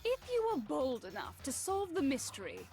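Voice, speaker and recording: A woman's voice: high voice, huge pitch swings, normal speed, darkish tone, soft background music, exaggerated voice. A woman playing a haughty, gloating, queenly teenage villainess in a video game, speaking in a grandiose, taunting way. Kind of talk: English video game voice acting.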